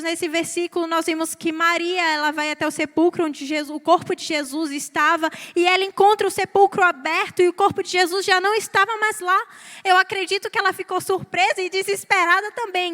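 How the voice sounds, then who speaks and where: Brazilian woman delivering an earnest sermon, bright voice. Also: extremely high pitch. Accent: Brazilian Portuguese. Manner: earnest, repeats "sabe, queridos" to the congregation. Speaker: preacher. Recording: hall reverb.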